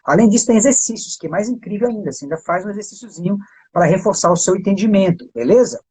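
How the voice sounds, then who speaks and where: A man with a Brazilian Portuguese accent, an English teacher giving a casual live-stream lesson, chatty and full of quick tag questions. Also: sits high, a little mellow, slightly rough. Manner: chatty, peppers talk with tag questions and pointers.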